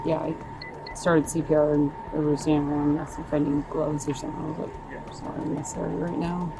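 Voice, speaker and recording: A woman with a low, creaky voice and flat delivery answers police questions outdoors at a roadside, telling her story casually but haltingly, hedging and trailing off. The recording is from a body camera on someone else. It's noisy, with passing vehicles and traffic in the background.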